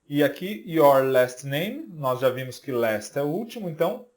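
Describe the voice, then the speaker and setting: In a video lesson for beginners, a Brazilian man with a high-side, slightly mellow voice teaches English. He works patiently through the letters one by one, checking in frequently with whoever is watching.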